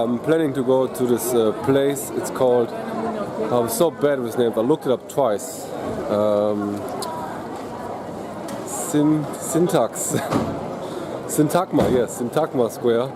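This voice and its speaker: A man chatting casually as a travel vlogger, rambling and hesitant with many pauses. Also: medium pitch. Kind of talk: casual travel vlog commentary. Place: outdoors in a busy city. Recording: noisy outdoor city recording. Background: street noise and traffic.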